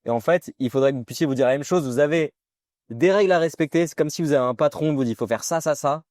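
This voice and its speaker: A man hosting a casual interview, talking in a relaxed, chatty way with many fillers and slangy asides. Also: fairly high pitch, fast talker, no echo, studio quality. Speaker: host.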